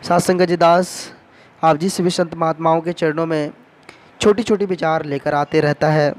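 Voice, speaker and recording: A man tells a devotional story in the manner of a sermon, with a voice pitched a little high. He keeps turning to his listeners with respectful address. The tone is plain and earnest. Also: steady tone, normal speed. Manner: repeatedly addresses the congregation respectfully. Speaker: devotional speaker.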